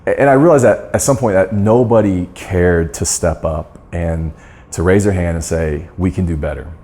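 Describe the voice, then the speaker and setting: Deep-voiced man telling a personal story. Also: normal speed, dark tone. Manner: earnest storytelling with repeated restarts. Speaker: guest speaker on dental marketing. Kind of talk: storytelling talk to course members.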